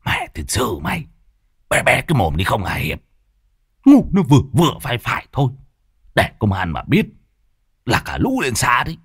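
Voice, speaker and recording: A man doing a gruff old cursing gambler. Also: sits low, big pitch swings, brisk, no echo, clean studio sound, voice pushed down, heavily acted. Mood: grumbling angry. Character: grumpy old male gambler, foul-mouthed, bitter.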